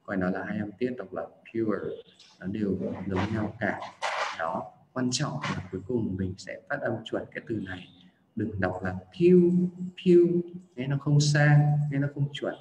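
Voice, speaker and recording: Low-voiced man teaching pronunciation, echoey. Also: a little hiss or hum. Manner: chatty, demonstrates sounds by repeating words slowly. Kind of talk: livestream pronunciation lesson.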